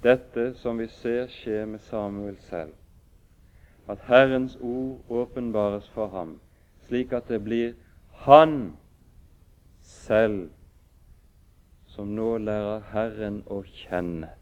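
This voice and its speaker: A man preaching a sermon and reading scripture aloud in a measured, solemn way with pauses. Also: lowish voice, fairly even intonation, darkish tone. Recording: dull lo-fi recording.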